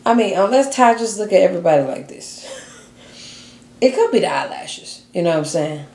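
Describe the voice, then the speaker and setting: A woman's voice: lowish voice, big pitch swings, brisk, creaky, a little mellow. A woman in her forties hosting a casual reaction chat, blunt and slangy, teasing her guests. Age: 40s. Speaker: host. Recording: echoey room.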